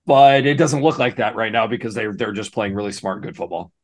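A man with a hoarse, gravelly voice co-hosts a casual sports podcast. He talks in a relaxed, rambling way and often restarts his sentences mid-thought. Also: on the low side, fairly quick. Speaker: co-host.

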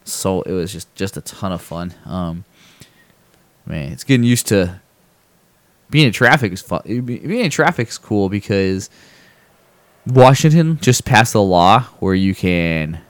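A man in a casual podcast chat, telling a relaxed, rambling story with fillers and restarts and acting out other people's lines. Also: sits low, a little slow, no echo. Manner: acts out people's lines in a raised voice when telling stories. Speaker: podcast host.

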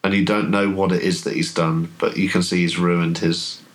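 Casting: deep-voiced male game master, narrating a horror game, laughs often. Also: level tone, moderate pace.

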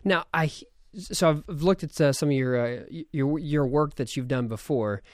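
A man's voice: a little high, normal speed, no echo. A man hosting a podcast, chatting casually and rambling with many fillers. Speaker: podcast host.

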